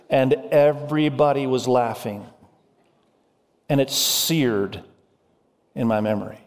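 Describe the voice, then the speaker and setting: Male pastor, raised in Indonesia, preaching with animated urgency; raised pitch, long hall reverb. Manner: animated preaching, urging the congregation. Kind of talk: sermon.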